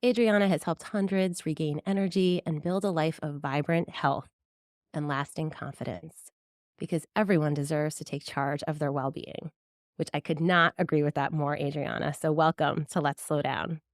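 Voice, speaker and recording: Podcast host, woman, deep voice, upbeat and enthusiastic, dry close sound. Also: steady tone, moderate pace, dry recording. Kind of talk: scripted intro and casual interview.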